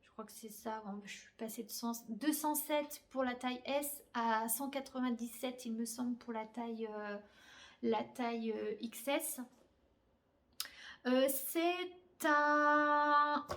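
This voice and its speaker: A woman's voice: a little high, fairly bright tone. A young woman chatting casually about her crochet projects, with many fillers and blunt slangy asides. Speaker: crafting podcaster. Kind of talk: casual chat. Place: her bedroom.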